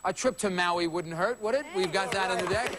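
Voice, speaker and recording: High-voiced American game show host, man. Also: brisk, fairly bright tone. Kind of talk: lively ad-libbed hosting with banter. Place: television studio with live audience. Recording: 1980s TV studio, noisy audience.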